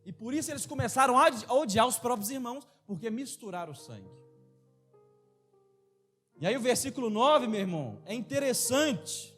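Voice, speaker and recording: A high-voiced man preaching in a church with emphatic, animated delivery. He calls out directly to his listeners, while faint instrumental music plays behind him. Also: moderate pace, breathy edge. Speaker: pastor. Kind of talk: sermon.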